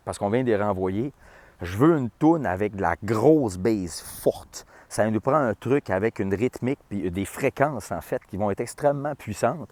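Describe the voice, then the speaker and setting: A man with a Quebec French accent tells a festival story in an excitable way. He swears and throws in sound effects. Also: on the low side, no echo. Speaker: festival logistics director. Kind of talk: animated storytelling vlog.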